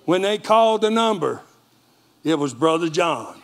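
A man preaching a lively sermon in a church with a Texan accent, calling for amens from the congregation. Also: a little high, measured pace. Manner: animated preaching with call-and-response. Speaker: pastor.

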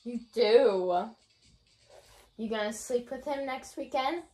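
A woman's voice: a little high, slow, mellow, faint music behind. A young woman bantering casually and playfully with a friend, repeating her phrases to be understood. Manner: repeats phrases to a partner who can't hear. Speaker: challenge video participant. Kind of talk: casual playful banter in a lip-reading game. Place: small bedroom, indoors.

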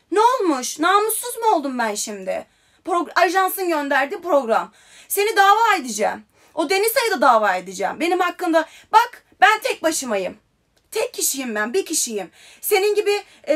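A woman's voice: extremely high pitch, fairly bright tone. A young woman ranting heatedly into her phone on a livestream, firing off confrontational questions. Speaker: TikTok livestreamer. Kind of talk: angry livestream rant.

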